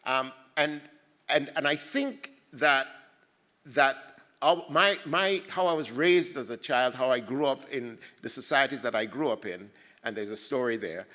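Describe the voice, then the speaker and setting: A man's voice: medium pitch, sharp tone. A man from Ghana speaking on a panel at a poetry festival, thinking aloud with frequent restarts and repeated words. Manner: halting, many restarts, thoughtful. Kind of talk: reflective panel talk. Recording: long hall reverb.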